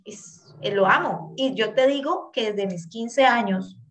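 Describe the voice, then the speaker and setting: A woman in her thirties with a Colombian accent, a guest in an interview telling her life story in an earnest, animated way and acting out what people said. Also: fairly high pitch, unhurried. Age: 30s. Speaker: guest, tango dancer.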